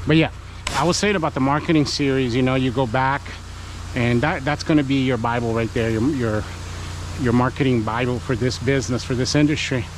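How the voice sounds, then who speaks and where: A pressure washing business owner hosts a work vlog, washing a house outdoors while chatting with and encouraging viewers. His voice is medium-pitched and steady, a little fast, and the outdoor recording is noisy.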